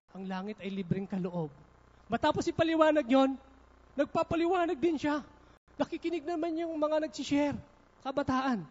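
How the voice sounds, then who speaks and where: High-voiced male pastor, dull livestream sound. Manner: conversational preaching with frequent asides to the congregation. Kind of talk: sermon with personal stories. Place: church service.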